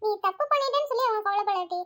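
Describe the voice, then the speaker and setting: A woman's voice: very high voice, animated, racing, pushed and bright, heavily acted. A woman voicing a fretful middle-aged aunt who scolds and exclaims in an audio story. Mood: scolding.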